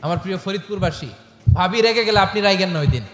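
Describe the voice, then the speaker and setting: A man preaching an animated sermon through loudspeakers to a large gathering, telling stories and firing rhetorical questions at the crowd. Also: high-pitched, fast. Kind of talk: sermon with storytelling. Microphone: microphone through loudspeakers. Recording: echoey public-address sound with long reverb and faint noise.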